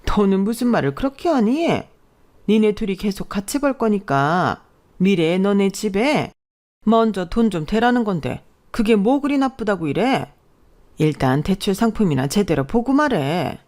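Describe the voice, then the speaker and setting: A woman's voice: mid-range voice, big pitch swings, moderate pace, darkish tone, voice pushed up, close to an everyday voice. A woman voicing a scheming middle-aged prospective mother-in-law who scolds in a haughty, indignant way. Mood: dismissive.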